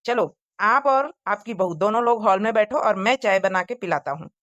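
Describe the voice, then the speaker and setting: A woman voicing a caring young husband who coaxes his mother and wife gently in a cartoon moral story. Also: mid-range voice, moderate pace, dry recording, highs cut off, natural voice. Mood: coaxing. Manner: coaxing, gentle.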